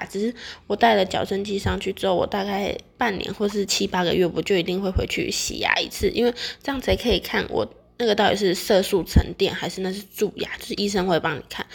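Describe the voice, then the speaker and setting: A chatty young Taiwanese woman vlogs about a personal experience in a casual monologue to viewers. Her medium-pitched voice is creaky, and she rambles, repeating words and correcting herself.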